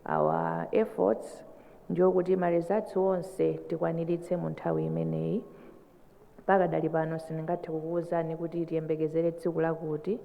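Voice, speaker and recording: A woman with a Malawian accent answering formally at a press briefing as an election official, in a measured, explanatory way, mixing two languages. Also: deep voice, vocal fry, warm tone. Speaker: election commission chairperson. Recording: echoey hall, thin phone-like sound.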